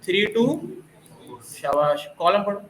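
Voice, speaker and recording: A man's voice: high voice, slow, a bit bright. A male coding teacher giving a recorded classroom lecture, mixing Hindi with English phrases, explaining with everyday analogies and quizzing his students. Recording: roomy classroom with faint background noise.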